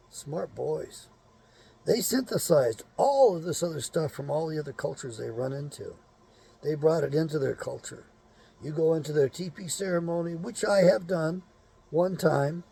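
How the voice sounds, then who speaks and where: A man's voice: fairly high pitch, gravelly, mellow, husky. A man hosting his own show, talking in a blunt, rambling monologue full of cursing and rhetorical questions. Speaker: show host.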